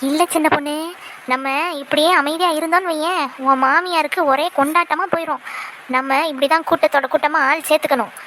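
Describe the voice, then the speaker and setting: A woman's voice: sits high, steady tone, a little fast, a bit bright, slight background noise. A woman voicing a greedy, gossipy village woman in a cartoon, chatty and scheming.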